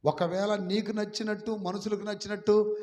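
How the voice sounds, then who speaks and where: A man preaching a sermon as pastor, calling on the congregation to repeat his words back loudly. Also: high-pitched, little pitch movement, normal speed. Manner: preaching with call-and-response, urging the congregation to repeat. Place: church hall. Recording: echoey hall, some of it from far off.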